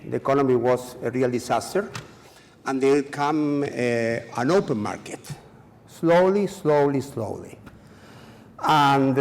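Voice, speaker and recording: In a conference hall with long reverb, a presenter from Chile speaks hesitantly, stumbling through non-native English with many fillers and repeated words. His voice sits at medium pitch and sounds a little mellow.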